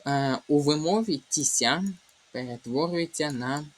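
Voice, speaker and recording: A young man talks through exam answers like a patient tutor, at an unhurried pace. His voice has a husky edge, and he reads each option aloud before breaking it down sound by sound. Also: a little high. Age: young adult. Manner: explains step by step, reading options aloud and slowly spelling out sounds. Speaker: Ukrainian language tutor. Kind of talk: exam walkthrough lesson.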